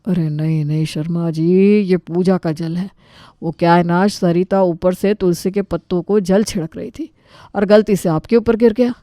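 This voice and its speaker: A woman's voice: on the low side, steady tone, moderate pace, dark tone, no echo, studio quality, lightly acted. A woman voicing a flustered young man who keeps making placating excuses.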